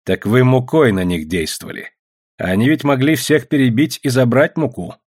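A man's voice: medium pitch, normal speed, darkish tone, breathy edge, close to an everyday voice. A man voicing a stern male official who questions sharply in an audiobook. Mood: questioning. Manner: probing, stern. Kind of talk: audiobook narration.

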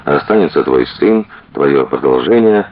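A tired young detective talks bluntly and earnestly in a low voice, read by a male narrator. His delivery moves lively up and down, and the recording sounds a little dull. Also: unhurried, exaggerated voice.

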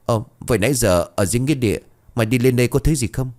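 A man's voice: mid-range voice, rapid-fire, a little mellow, pitched above the performer's own voice, natural voice. A man voicing a stern, blunt old village man in a ghost story.

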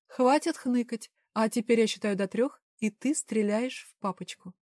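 A woman's voice: a little high, normal speed, no echo, studio quality, natural voice. A woman reading an audiobook, voicing a dangerous, cold female gang boss who barks orders and threats. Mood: taunting. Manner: taunting, commanding, shouting threats.

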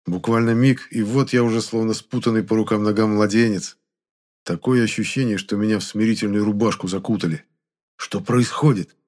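A man narrates an audiobook in the first person, speaking a little on the low side. His delivery is steady and keeps the storytelling moving. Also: a little fast.

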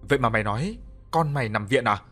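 A man voicing a brutal debt collector who shouts threats in an audio story. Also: medium pitch, lively intonation, fast, soft background music. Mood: menacing.

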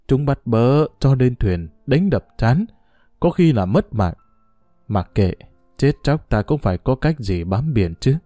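A man voicing an old fisherman grandfather, gruff and rambling as he tells war stories to his grandson, with lively intonation over faint background music. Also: mid-range voice, no room sound, studio quality, lightly acted. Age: older. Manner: gruff, rambling storyteller who sips liquor.

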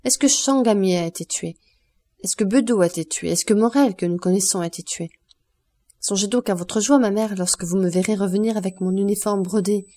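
Woman reading young man, earnest, devoted son, persuasive, mellow voice, audiobook. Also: medium pitch, brisk, natural voice. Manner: earnest, persuasive, forced cheer.

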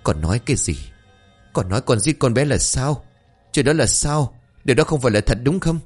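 Older mother-in-law, voiced by a male narrator, trembling, demanding, raised pitch, audio story. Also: lively intonation, racing, darkish tone, slightly rough, soft background music.

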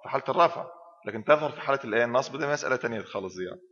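A man's voice: mid-range voice, animated, racing, a bit bright. A man with an Egyptian accent, a sheikh giving a classroom lesson, constantly asking his students questions and completing the answers himself. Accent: Egyptian Arabic. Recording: reverberant hall, dull lo-fi sound.

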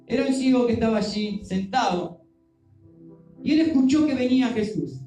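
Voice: mid-range voice, expressive, moderate pace, mellow. A preacher, telling a Bible story in a sermon and acting out the voices of its people. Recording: very echoey room with music behind.

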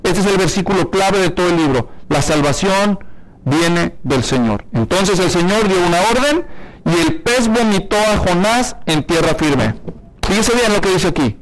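A male pastor, preaching in a fairly high voice. He speaks to his listeners in a direct, colloquial, animated way and stretches key words for emphasis. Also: moderate pace, rough recording. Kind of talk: sermon.

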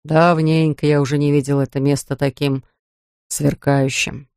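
A reader voicing a tired, gentle middle-aged fisherman who speaks slowly and evenly, read close to a dry studio mic. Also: medium pitch, flat delivery, clean tone, dry recording, voice pushed down, natural voice. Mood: calm.

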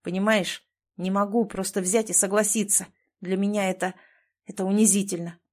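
A woman reading an audiobook and voicing a stubborn, proud man who speaks in a low, hollow, guarded tone. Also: little pitch movement, normal speed, a little mellow, natural voice. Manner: clipped, tense and reluctant. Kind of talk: audiobook character voice.

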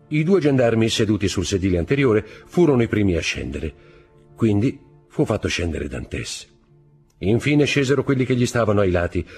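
Low, husky male narrator. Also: darkish tone. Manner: slows for dramatic moments. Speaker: audiobook narrator. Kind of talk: scripted literary narration.

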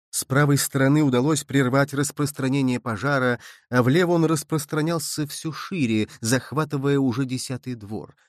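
A man's voice: mid-range voice, dry recording. Man narrating an audiobook, dry close sound. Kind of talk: scripted literary narration.

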